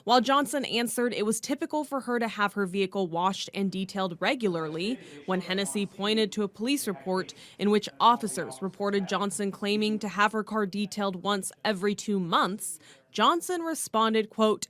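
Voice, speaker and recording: A woman's voice: mid-range voice, normal speed, a bit bright. An American woman reading scripted broadcast news narration as a reporter.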